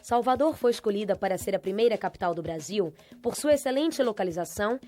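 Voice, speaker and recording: A woman reading a scripted documentary narration in a measured, informative voice. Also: mid-range voice. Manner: measured, even informative delivery. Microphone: studio voice-over. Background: background music.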